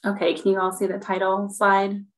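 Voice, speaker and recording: A woman's voice: medium pitch, moderate pace. A woman, a city sustainability manager, giving a staff presentation in a public meeting, heard over a group video call and explaining her slides step by step. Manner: steady, explanatory, walks through slides.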